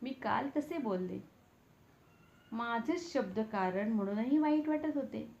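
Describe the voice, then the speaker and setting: A soft-spoken, loving mother, as a woman reader puts her on, unhurried and soothing in a slightly raised voice. The recording is roomy and a little dull in tone. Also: fairly high pitch, expressive, vocal fry. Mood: tender. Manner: gentle, soothing, earnest counsel. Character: tender, loving village mother, adult woman.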